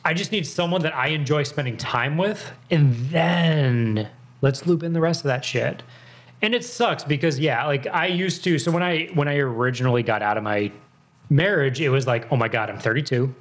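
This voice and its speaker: A man in his thirties chats casually in a slightly high voice at a normal speed with lively intonation. He rambles, corrects himself mid-sentence and swears frequently.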